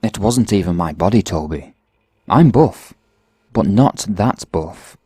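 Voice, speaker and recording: A man playing a calm, mocking killer. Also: low-pitched, slow pace, husky, dry recording, clean studio sound, full character voice. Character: calm menacing male killer ex-boyfriend. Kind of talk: horror story voice acting.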